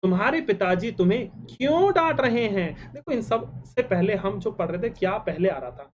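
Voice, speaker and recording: A man teaching English grammar, who asks the class questions and answers them himself and slows down to spell out each example sentence. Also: sits high, animated, highs cut off. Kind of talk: grammar lesson.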